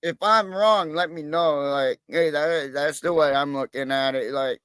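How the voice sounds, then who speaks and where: A man's voice: fairly high pitch, a little slow, fairly bright tone, clean tone, dry recording. A man from Massachusetts talking in a rambling, profane casual livestream chat, full of fillers. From Massachusetts, USA. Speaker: livestream guest, cop watcher.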